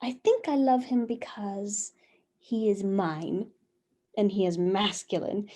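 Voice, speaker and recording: Eve, slow and heartfelt. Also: female voice, medium pitch, mellow. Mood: devoted. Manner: earnest, lingering, heartfelt delivery. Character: first woman, passionate devoted young wife. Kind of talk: theatrical reading of a one-act play. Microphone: video call.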